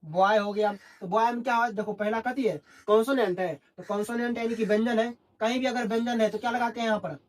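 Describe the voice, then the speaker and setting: Talking fast with few pauses, a male English grammar teacher runs a call-and-response lesson in Hindi. His voice sits high and his tone stays steady as he repeatedly poses questions and answers them himself.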